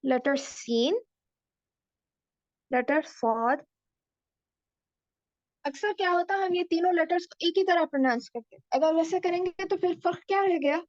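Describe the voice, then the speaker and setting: A woman explains recitation rules at an unhurried, deliberate pace, stopping to sound out each letter. Her voice sits high and light. The recording is dry and a little muffled. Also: dry recording. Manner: patient, deliberate, demonstrating letter sounds aloud. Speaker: Quran recitation teacher. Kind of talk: slow explanatory lesson mixing Hindi-Urdu and English.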